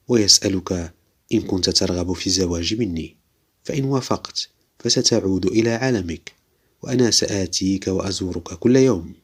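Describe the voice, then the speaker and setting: An innocent young female jinn speaks calmly and plainly in a storybook tale. A man voices her in his own very low, husky register. The delivery stays level and unhurried.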